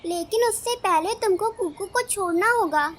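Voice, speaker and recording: A woman plays a bold little sparrow in a cartoon, defiant and determined. The voice is very high and bright. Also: normal speed, a little hiss or hum.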